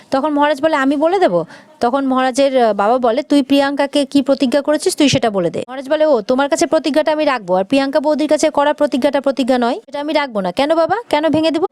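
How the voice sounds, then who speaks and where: A woman with a high voice races through a TV serial recap, reading out each character's lines as she goes. The recording is dry and close, with no room sound. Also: a little mellow, no room sound. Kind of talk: fast retelling of a TV serial episode with quoted dialogue.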